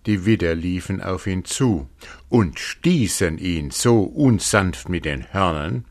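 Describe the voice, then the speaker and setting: A man reading a fairy tale aloud as a calm, measured storyteller. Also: sits low.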